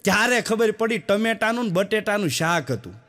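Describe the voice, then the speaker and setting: A man's voice: high voice, very animated, moderate pace, heavy background noise. A man from doing folksy stand-up storytelling, with a chatty manner that speaks straight to the audience. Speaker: stand-up comedian.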